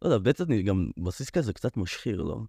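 A young man hosts a relaxed podcast conversation. His voice sits a little low, and the sound is very dry, with no room around it. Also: slightly rough, no echo. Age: young adult. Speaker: podcast host. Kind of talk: casual chat.

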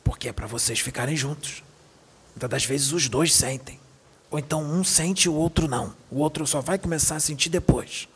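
Guy voicing a gravelly, rough-throated spirit, stern preachy talk, keeps repeating his point. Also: on the high side, moderate pace. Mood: emphatic. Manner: repetitive, emphatic, rhetorical questions. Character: stern male spirit guide, raspy, lecturing. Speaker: medium channeling a spirit. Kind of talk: spiritual teaching.

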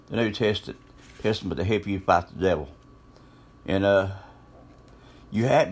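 A man with a fairly low voice gives informal Bible teaching. He quotes verses and retells scripture stories loosely, with restarts and small asides along the way. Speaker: lay preacher.

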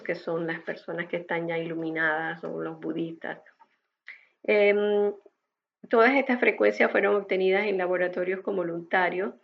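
Casting: woman teacher explaining concepts, measured and deliberate, lowish voice with some fry. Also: highs cut off. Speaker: meditation teacher. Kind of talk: explanatory spoken lesson.

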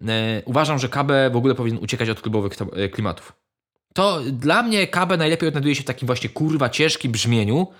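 A man's voice: mid-range voice, animated, quick pace, fairly bright tone. Man, casual chat, rambling, lots of fillers, swears, blunt opinions. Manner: rambling, swears a lot, many fillers and restarts.

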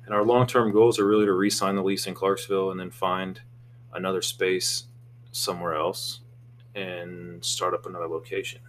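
A man's voice: deep voice, little pitch movement, moderate pace, a bit bright, slight background noise. A young man, co-hosting a casual podcast chat about running a salon, earnest and a little anxious. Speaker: podcast co-host, salon co-owner.

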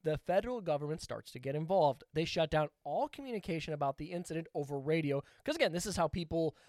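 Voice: medium pitch, lively intonation, fast talker, a little mellow, no room sound, clean studio sound. A podcast co-host telling a story in casual chat, rambling and swearing with laughing asides.

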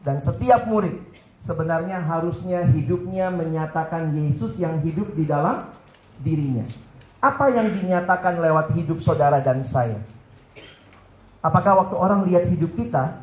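A young man giving a lively campus sermon, joking and telling animated stories to his listeners. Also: fairly high pitch, moderate pace. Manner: playful, joking, animated storytelling. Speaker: preacher. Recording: roomy hall echo, faint background noise.

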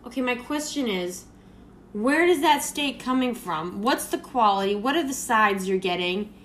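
Young woman doing her own podcast, rambly casual chat, cusses a lot, kinda high voice. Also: lively intonation, moderate pace, noisy background. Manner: chatty, swears freely, laughs at herself. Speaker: podcast host. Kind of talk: casual solo podcast talk.

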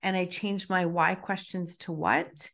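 A middle-aged woman, an author appearing as a podcast guest, speaks candidly and reflectively about herself, stressing words emphatically in conversational talk. Her voice is lowish, steady and a bit bright, and she takes her time.

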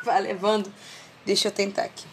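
A woman's voice: medium pitch, flat delivery, fairly quick, a little hiss or hum. A woman with a Brazilian accent teaching a history class over a video call, explaining with homely family comparisons and often checking that students follow.

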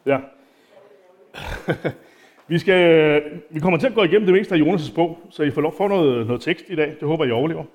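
A man's voice: on the high side, a little mellow. A man giving an informal, chatty church sermon with self-deprecating asides, many fillers and restarts, and reading aloud from the Bible. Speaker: preacher.

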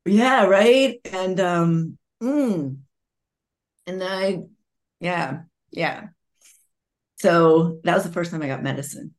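A woman in her forties with a slightly low voice tells her own hard story in a candid, confessional way. She brings it alive by acting out the voices of the people she quotes. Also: slow, pauses often. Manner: emotional, confessional, animated quotes. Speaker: guest sharing her story.

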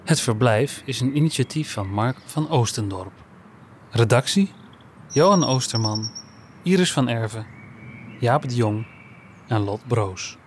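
A man hosting a short reading podcast, introducing it calmly. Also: medium pitch, measured pace, pauses often, a little hiss or hum. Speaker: podcast host. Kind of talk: scripted introduction.

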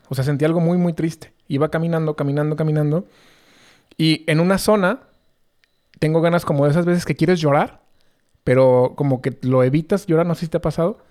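A young Mexican man spins a rambling tale in loose street slang, leaning on fillers as he goes. His voice sits a little higher than most men's. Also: a little mellow. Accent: Mexican Spanish. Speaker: storyteller. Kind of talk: casual chat.

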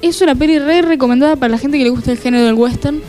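High-voiced woman podcast host. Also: racing, faint music behind. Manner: animated storyteller, enthusiastic. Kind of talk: casual podcast chat.

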